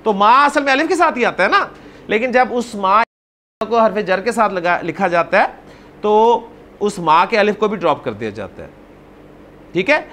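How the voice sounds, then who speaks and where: A man teaching an Arabic grammar class, explaining patiently, calling on students by name and repeating words slowly. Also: high voice, lively intonation, sharp tone, slight background noise.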